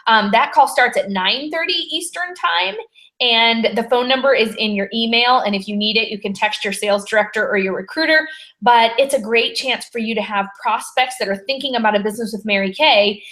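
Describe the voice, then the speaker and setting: A woman's voice: a little high, a little fast, fairly bright tone. Chatty woman hosting a video call. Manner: chatty, friendly, rambling with fillers. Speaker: sales director hosting a weekly video call. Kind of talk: upbeat training webinar hosting.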